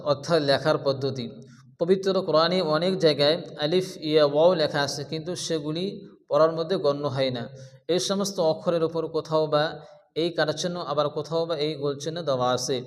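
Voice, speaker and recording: A man's voice: on the high side, in a large hall. A man teaching Quran reading in a patient, step-by-step blackboard lesson, who explains each point and then asks the class questions.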